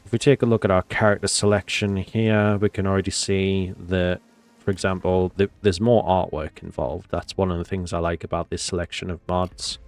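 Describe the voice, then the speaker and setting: Low-pitched and fairly flat, this male game commentator talks at normal speed. He sounds congested and nasal, rambling through casual gameplay remarks with many hesitant fillers.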